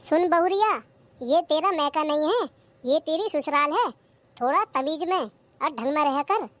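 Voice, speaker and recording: A woman's voice: animated, a little slow, fairly bright tone, a little hiss or hum. A performer voicing a bossy, nagging older mother-in-law in a cartoon comedy. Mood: scolding. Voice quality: shrill, nagging.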